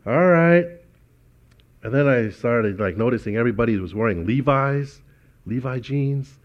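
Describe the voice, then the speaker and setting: A man's voice: medium pitch, moderate pace, highs cut off. A man preaching a sermon as pastor, telling personal stories in a conversational way with frequent restarts.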